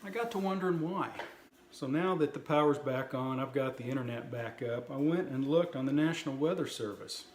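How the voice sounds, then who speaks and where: The host of a prepper video channel talks to viewers in a plainspoken, folksy manner during a casual video review. His mid-range voice has a darkish tone and runs a little fast, with roomy echo and light background noise in the recording.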